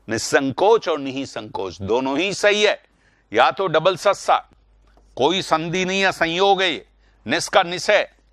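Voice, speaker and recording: A man teaching Hindi grammar in a live online class, calling students by name, repeating words and getting loud when he corrects them. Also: mid-range voice, no echo, clean studio sound. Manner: animated, rising sharply when correcting.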